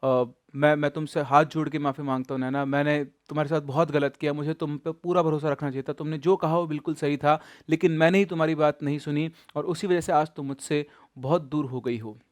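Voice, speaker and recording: A man voicing a grieving young husband who begs his dead wife's forgiveness, speaking softly and haltingly. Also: fairly high pitch, fairly even intonation, pitched below the performer's own voice, natural voice. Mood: pleading remorse. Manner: soft, halting and pleading, with stumbles and repeats.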